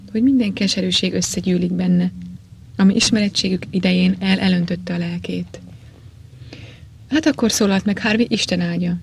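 A woman narrating a novel as an audiobook in a measured, steady way. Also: fairly low pitch, gravelly, a little hiss or hum.

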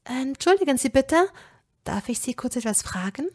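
A woman's voice: sits high, sing-song, moderate pace. Woman voicing a polite young witch.

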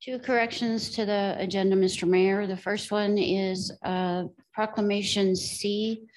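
A woman calls the roll and reads agenda corrections at a city council meeting. She is brisk and businesslike, and her voice stays flat and even. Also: medium pitch, rough recording. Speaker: city clerk. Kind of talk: roll call and agenda notes.

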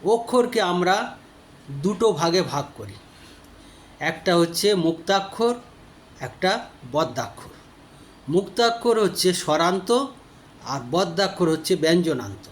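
A man with a high voice and a Bengali accent explains how verse meter works. He talks very slowly, sounding out each syllable on its own and counting them off one at a time like a patient teacher. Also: expressive, slight background noise. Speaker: poetry teacher.

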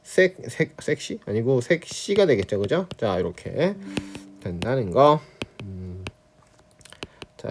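A Korean language teacher lecturing on spelling rules, repeating key phrases and checking in with students. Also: male voice, mid-range voice, a little mellow.

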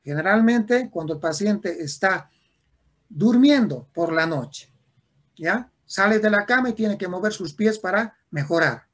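Slow husky guy teaching a neuro class, keeps repeating himself and checking in with students. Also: high voice, lively intonation, a bit bright. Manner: slow, repetitive, with frequent restarts and checks of "¿ya?". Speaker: neurology lecturer. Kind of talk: classroom lecture.

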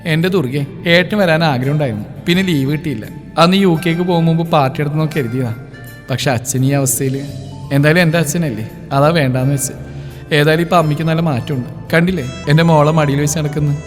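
A chatty young wife explaining things to a friend, as a male storyteller reads her part. Her lines ring in a long reverb over quiet music. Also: fairly high pitch, fast talker, lightly acted.

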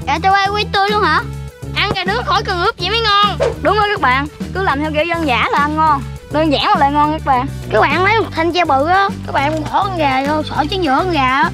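A woman hosting a casual outdoor cooking vlog, teasing and complaining to her friends while explaining the steps to viewers. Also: very high-pitched. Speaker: vlog host. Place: outdoors in the countryside.

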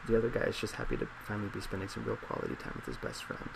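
Very fast and soft-spoken, a young man in his 20s with a deep, very creaky voice plays a psychologist for ASMR, reading responses and reflecting. A loud, unchanging laptop fan hiss fills the background of the small indoor office where he sits at a desk.

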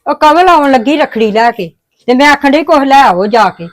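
A woman's voice: sits high, expressive, moderate pace, dry recording. A woman playing an older mother and wife who talks in a welcoming, homely way.

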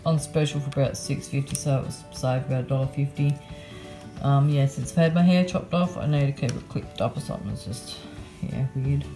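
Australian woman vlogger, low voice, chatty and rambling, phone in a car at night. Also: warm tone. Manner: chatty, rambling, lots of ums and yeahs. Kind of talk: casual haul chat.

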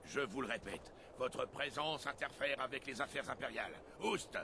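An actor playing a stern imperial soldier who curtly orders someone away, heard from a video game. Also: male voice, medium pitch, moderate pace, noisy background, close to an everyday voice. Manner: curt, commanding. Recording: game audio with music behind.

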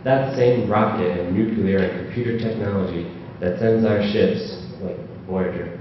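This is an audience member, a man with a lowish voice at a moderate pace, addressing a panel from the floor. Many ums mark his hesitant delivery, though quotes come out louder and rising. Captured from afar in a big echoey hall, the audio is dull with a little hiss or hum.

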